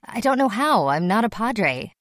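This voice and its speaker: Brief: jittery teen boy, played by a woman, strained and anxious, pitched higher, dry close read. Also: very animated, moderate pace, fairly bright tone, no room sound. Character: nervous teenage boy, anxious, stammering.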